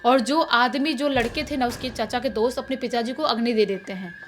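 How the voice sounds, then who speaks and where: A woman telling a spooky village story in a chatty, repetitive, animated way. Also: a little high, fairly quick, a little hiss or hum. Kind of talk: casual spoken horror story. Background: faint background music.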